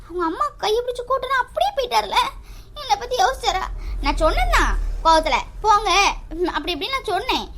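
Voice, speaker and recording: A high-voiced young bride, played by a woman, tells off her husband in a family skit. She is indignant and sarcastic. A faint hiss sits under her voice. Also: lively intonation, quick pace, fairly bright tone, heavily acted. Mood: scolding. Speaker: newly married wife angry at her husband.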